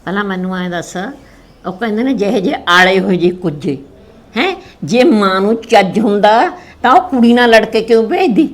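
A woman's voice: mid-range voice, lively intonation, moderate pace. An older woman with a Punjabi accent playing a mother in a village family drama, complaining and lamenting.

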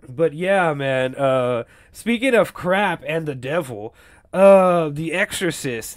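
A man in a solo podcast, ranting in a loose, profane, filler-heavy way. His voice sits a little higher than most men's. The sound is dry and close, with no room around it. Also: clear, resonant tone, no echo. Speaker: podcast host. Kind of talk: casual solo podcast commentary.

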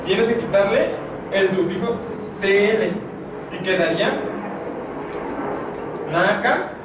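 A man's voice: sits high, a little slow, noisy background. Echoey far-off male teacher explaining grammar. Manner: patient, explains step by step. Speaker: Nahuatl teacher. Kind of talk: classroom explanation. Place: classroom.

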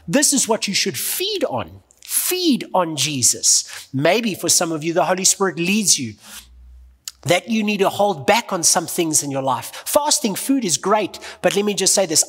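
A male pastor preaches with earnest emphasis, his voice a little husky and unpolished. The sound rings out with a long reverb, as in a large church hall. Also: high-pitched, fairly bright tone. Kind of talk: sermon.

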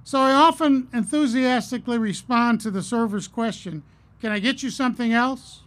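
A middle-aged man giving a commencement address at a podium, earnest and measured, telling stories with pauses. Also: very high voice, a bit bright. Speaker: commencement speaker. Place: outdoor stage at a podium. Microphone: podium mic on a stand.

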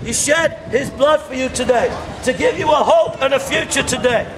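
Loud, high-voiced street preacher. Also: male voice, normal speed. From England. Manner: loud, repetitive, confrontational, pointing and gesturing. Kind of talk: open-air street preaching. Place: outdoor pedestrian shopping street. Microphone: handheld camera a few metres away. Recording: echoey street with crowd noise. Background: passers-by and crowd noise.

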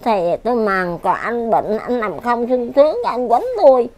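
A woman's voice: fairly high pitch, expressive, measured pace, a little mellow, slight background noise. An older woman with a Southern Vietnamese accent, rambling and repeating herself as she complains about her life. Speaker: elderly widow being interviewed. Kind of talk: casual chat.

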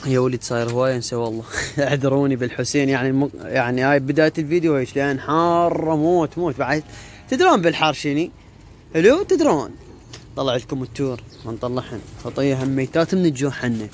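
Pigeons coo amid faint noise as a male YouTuber who keeps pigeons vlogs on his handheld phone from an outdoor yard with cages. His medium-pitched voice moves fast with fairly even intonation, and his Iraqi Arabic-accented chatter is informal and rambling, full of repeated fillers.

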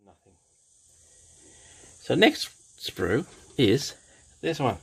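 Man, unhurried talk, casual hobby review, enthusiastic, repeats himself, indoors at a desk. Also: medium pitch, big pitch swings, vocal fry, husky, poor audio. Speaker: scale model kit reviewer. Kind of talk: casual kit review, unscripted.

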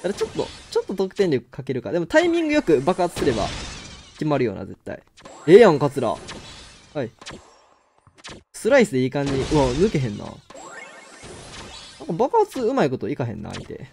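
A man with a Kansai accent giving excitable live commentary on his own game, exclaiming and laughing often. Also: a little high, fairly quick, creaky, long pauses, slight background noise. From Kansai, Japan. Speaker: game streamer.

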